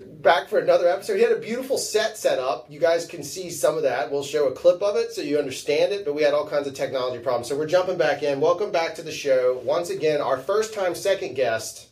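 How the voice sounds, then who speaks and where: A man's voice: fairly high pitch, animated, fast talker, hardly any pauses, darkish tone. A man hosting a casual podcast, rambling and joking at his own expense. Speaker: podcast host. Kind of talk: casual chat. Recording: distant from the mic.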